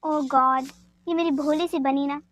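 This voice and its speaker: A woman's voice: sits high, steady tone, measured pace, a bit bright, no room sound. A woman voicing a patient, teasing pregnant young woman with a soothing, affectionate manner.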